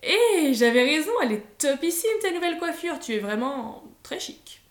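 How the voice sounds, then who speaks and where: A woman voicing a bubbly, excitable teenage girl cousin who gushes eagerly, in a roomy space. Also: high voice, fairly quick. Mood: gushing. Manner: excited, gushing. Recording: roomy echo.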